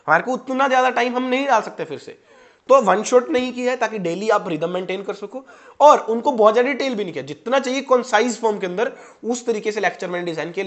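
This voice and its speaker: Young male student-tutor, casual direct coaching talk, fairly high-pitched voice. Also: fairly bright tone. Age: 20s. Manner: chatty, direct, addresses students as "janab" and "bhai". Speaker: medical student teaching exam prep.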